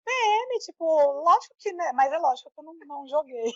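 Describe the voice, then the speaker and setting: A Brazilian woman with a notably high voice talks in an easy, emphatic podcast chat. Her sound is dry and close, with a somewhat dull, lo-fi quality. She keeps tossing in little tag questions as she talks. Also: sing-song, fast, no echo. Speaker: podcast co-host. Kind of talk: casual conversational chat.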